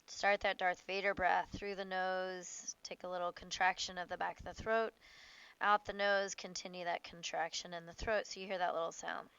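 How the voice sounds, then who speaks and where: Female yoga instructor, casual and playful, cueing moves and breath in short phrases; crisp, bright voice, dry sound. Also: on the low side, little pitch movement, normal speed, no echo, muffled recording. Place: outdoors.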